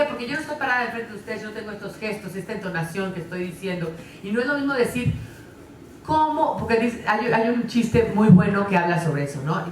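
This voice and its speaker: A woman's voice: on the high side, a little hiss or hum. Woman lecturing in an echoey hall. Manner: lively, conversational, frequent tag questions. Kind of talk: conference talk. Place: conference hall. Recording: echoey hall, distant mic.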